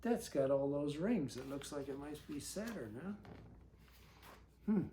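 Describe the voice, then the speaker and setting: A storybook reader sharing a picture book aloud, pausing for gentle chatty asides and questions to a listening child. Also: mid-range voice, expressive, a little hiss or hum.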